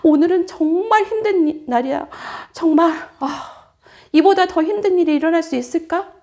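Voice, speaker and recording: A woman's voice: very high-pitched, normal speed, darkish tone. A woman voicing an arrogant, scheming male royal official who is theatrical and self-pitying in a children's Bible story. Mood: exhausted.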